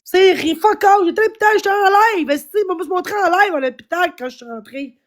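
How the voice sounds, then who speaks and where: A woman with a Québécois accent, hoarse and worn out, venting on a live stream in an agitated, pleading way that keeps repeating itself. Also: very high voice, fairly quick. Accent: Québécois French. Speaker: livestreamer.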